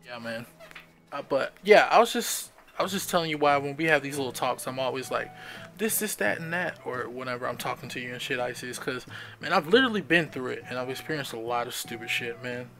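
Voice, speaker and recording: A man's voice: medium pitch, animated, brisk, sharp tone, soft background music. A man chatting casually on a live stream, telling stories in an emphatic, swearing manner. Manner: storytelling, emphatic, swears freely. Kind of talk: casual chat.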